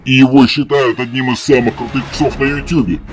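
A man's voice: mid-range voice, fairly even intonation, a little fast, close to an everyday voice. A man voicing a sneaky, disgruntled cartoon alien villain who gloats and mutters. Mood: sneaky grumbling. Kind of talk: scripted cartoon voice-over. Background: music.

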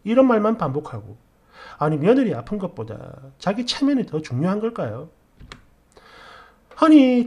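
A man's voice: sits high, a little mellow. A man narrating a first-person story, indignant and complaining, asking rhetorical questions.

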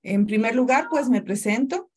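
A woman's voice: a little high, animated, normal speed, breathy edge. A woman from Ecuador in her thirties presents a webinar over a video call, speaking courteously and explaining step by step. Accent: Ecuadorian Spanish. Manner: courteous, greets attendees by name, explanatory. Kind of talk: online presentation.

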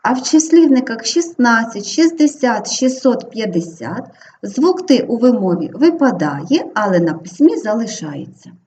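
A Ukrainian woman teaches an exam-prep grammar lesson with a lively, rising-and-falling voice that has a mellow, warm tone. She sounds out each example word clearly and deliberately. The audio is a little dull and lo-fi, with faint hiss underneath. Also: fairly high pitch. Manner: clear, deliberate, drawn-out spelling of example words.

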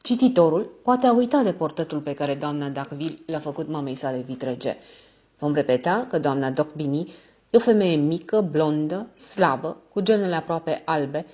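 A woman narrating a classic novel as an audiobook, in a measured storytelling manner. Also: deep voice, a little mellow, muffled recording. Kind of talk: scripted narration.

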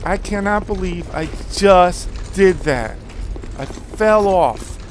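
A male let's-play commentator swears and reacts out loud as he plays, dropping to quiet mutters between outbursts. His pitch is lively and his pace unhurried, over clearly audible background noise. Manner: profane, swings from mutters to loud laughing disbelief.

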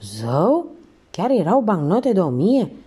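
A woman voicing a calm, stern male police inspector who asks short, probing questions. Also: mid-range voice, breathy edge, voice pushed up.

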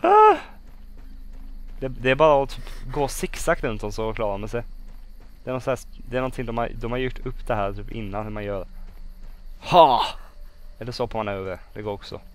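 A man's voice: mid-range voice, steady tone. A young man casually commenting while playing a game, talking to himself, pleading and exclaiming as he goes. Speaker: gaming video host. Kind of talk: casual let's-play commentary.

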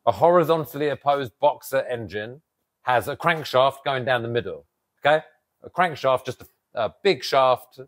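An animated man in his thirties walks through a custom bike's parts in casual show-and-tell. He speaks outdoors beside a garage door, picked up on a clip-on mic. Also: medium pitch, moderate pace. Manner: animated, explains with hand gestures. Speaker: custom motorcycle builder. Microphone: lapel mic.

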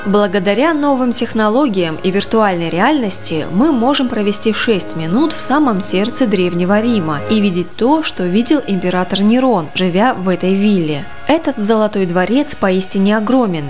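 A woman narrating a news report as a scripted voice-over in a measured, even delivery. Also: mid-range voice. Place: studio voice-over.

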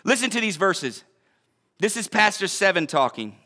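High, bright-voiced preaching pastor. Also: male voice, big pitch swings, normal speed. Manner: emphatic preaching, shouts and drops to a hush. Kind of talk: sermon. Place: church sanctuary.

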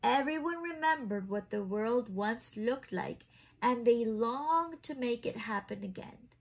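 In an unhurried, expressive way, a woman in her thirties with a slightly high voice reads a picture book to children at story time. She adds simple questions for them as she reads, indoors in a small room at home.

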